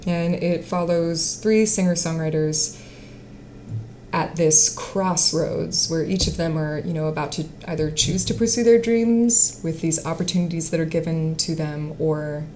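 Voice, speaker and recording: A woman's voice: low voice, unhurried, darkish tone, a little hiss or hum. A woman in her late twenties, a singer-songwriter and actress, chatting in an interview with fillers and frequent laughter. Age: late 20s. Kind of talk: casual interview chat.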